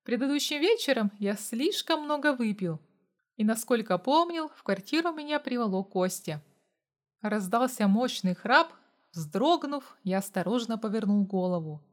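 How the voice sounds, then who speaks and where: A woman reading a first-person audiobook story aloud in a dramatic, even-paced storytelling manner. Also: fairly high pitch, normal speed. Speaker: audiobook reader.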